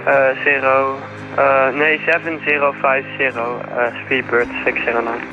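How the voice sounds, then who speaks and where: A man, an airline pilot, making halting, hesitant readbacks over aircraft radio. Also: mid-range voice, little pitch movement, narrow, tinny audio, music in the background. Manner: hesitant, stumbling over codes.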